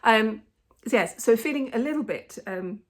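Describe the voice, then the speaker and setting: A woman in her fifties with a croaky voice, tired and under the weather, giving a casual doodle tutorial in a gentle, rambling, hesitant manner. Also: on the high side, animated, moderate pace. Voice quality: croaky, husky voice. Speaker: artist and art teacher giving a tutorial.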